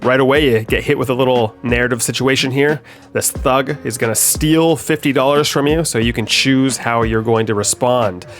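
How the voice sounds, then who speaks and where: A young game developer, his voice stuffed up from a head cold, casually talks through the game he made while playing it, full of ums and uhs. His mid-range voice moves at normal speed, with faint music behind.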